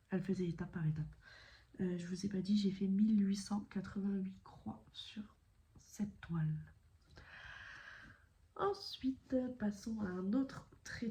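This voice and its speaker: A woman chatting casually about her cross-stitch work, her voice mellow and unhurried. She rambles with fillers and self-corrections, and now and then drops to a soft whisper. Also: mid-range voice, slight background noise. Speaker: cross-stitch video creator. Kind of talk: casual chat showing stitching projects.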